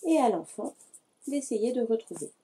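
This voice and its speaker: A woman with a dark, mellow and slightly husky voice walks parents through a simple activity. She talks calmly and patiently, addressing them directly as she explains each step. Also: on the high side, moderate pace. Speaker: early-learning educator. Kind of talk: hands-on tutorial for parents.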